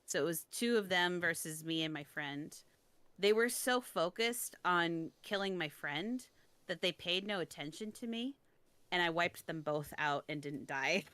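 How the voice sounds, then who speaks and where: A young woman telling a story in casual chat, self-deprecating, with frequent quick restarts. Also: lowish voice, lively intonation, fairly bright tone, clear, resonant tone, dry recording.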